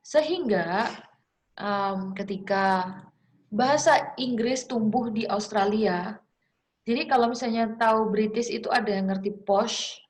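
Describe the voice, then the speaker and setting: A woman's voice: medium pitch, measured pace, long pauses. A young woman teacher gives an informal class lecture, talking in a chatty, encouraging way with many fillers and restarts. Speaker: English teacher.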